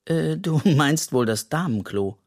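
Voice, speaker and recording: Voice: mid-range voice, big pitch swings, normal speed. A reader voicing a timid, nervous young boy in a children's audiobook, speaking hesitantly.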